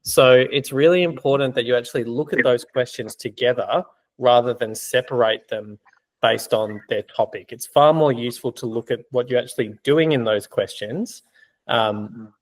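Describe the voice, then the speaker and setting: A man with a mid-range voice tutors for exam prep in a casual Q&A, explaining things conversationally with lots of fillers.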